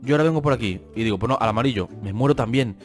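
A man's voice: medium pitch, rapid-fire, soft background music. A young man with a Spain Spanish accent giving gameplay commentary, exasperated and complaining, with dramatic outbursts. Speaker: gaming youtuber.

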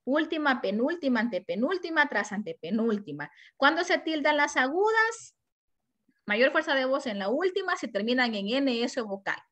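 A woman teaching an online class, animated, asking herself questions and stretching out example words. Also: sits high, normal speed. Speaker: high school language teacher.

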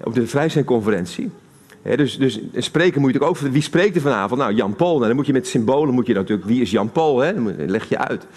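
A Dutch-accented male preacher, speaking fast with an expressive, medium-pitched voice and a darkish tone, gives a live sermon in a church hall. He talks conversationally and poses questions to the congregation.

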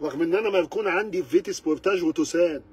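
Egyptian guy doing a car rant, high raspy voice, sarcastic and fed up, talks super fast. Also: a little mellow. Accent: Egyptian Arabic. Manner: sarcastic, exasperated, rhetorical questions. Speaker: car reviewer. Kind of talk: animated rant to camera.

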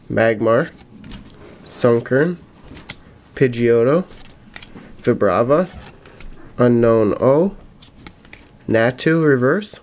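A young man getting over a cold hosts a YouTube unboxing, opening trading card packs at a table in a room at home and commenting in a casual, matter-of-fact way. His mid-range voice is slightly raspy. The camera mic sits about arm's length away in a noisy room, catching crinkling packs and wrappers, clicks, and faint noise.

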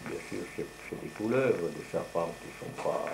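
Grandpa voice, elderly man, low pitch, colloquial rambling reminiscence, noisy home camcorder recording. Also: lively intonation, normal speed, gravelly, echoey room. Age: elderly, 70s or older. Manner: grandpa voice: old man's rambling, colloquial storytelling. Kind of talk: casual reminiscing and storytelling. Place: living room at home. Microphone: camcorder microphone across the table.

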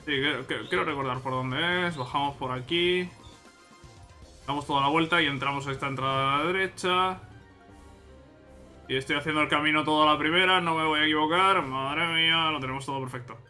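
A man with a Spanish accent from Spain commentating a video game he plays, chatting to himself and his viewers with bursts of excitement. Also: on the high side, brisk, faint music behind. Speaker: gaming channel host. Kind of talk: casual let's play commentary.

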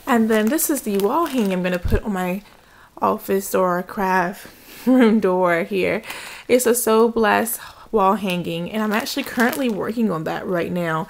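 Speaking from behind a handheld camera indoors at home, this woman has a medium-pitched, creaky voice and an unhurried pace. She's a craft vlogger doing a relaxed, excited haul, holding items up to the camera as she chats.

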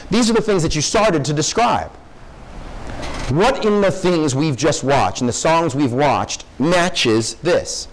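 A young man, a professor, giving a conversational classroom lecture to high school students and peppering them with questions. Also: animated, slow, slight background noise, rough recording. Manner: conversational, asks the audience lots of questions. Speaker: guest speaker, professor.

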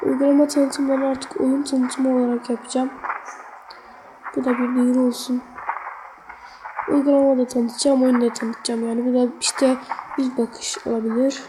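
A woman's voice: moderate pace, long pauses, noisy background. A woman giving casual let's-play commentary on a mobile game, cheering on and cursing at the character with sudden yelps when she fails. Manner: excitable, sudden high yelps when failing.

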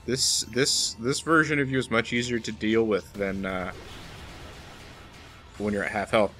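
Video game music accompanies a let's play host who casually mocks himself and speaks wryly to the game's boss. His voice is on the low side, pushed and bright, with fairly even intonation and a slightly slow pace.

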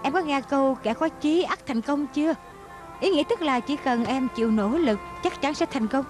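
A woman's voice: high-pitched, animated, moderate pace, music in the background. A woman dubbing a kind, encouraging female schoolteacher in a TV drama. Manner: gentle and coaxing. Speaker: dub actor. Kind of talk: Vietnamese dub of a TV drama.

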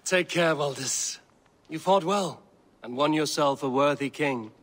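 An actor playing a loyal, resolute Viking clan leader in a dramatic video game scene. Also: male voice, a little high, a little slow, a bit bright. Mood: warm farewell.

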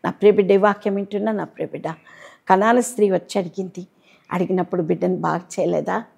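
A middle-aged woman preaching a sermon, pleading with listeners and swinging between loud exhortation and hushed tones. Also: lowish voice, fairly even intonation, quick pace, gravelly, breathy edge. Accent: Telugu.

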